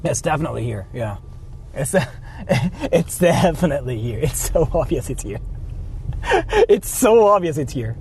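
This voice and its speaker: Speaking at a normal speed in an expressive, darkish voice on the high side, a man livestreams casually from his car as he drives. He rambles, repeats phrases, and swears freely, with vehicle noise throughout the noisy car recording.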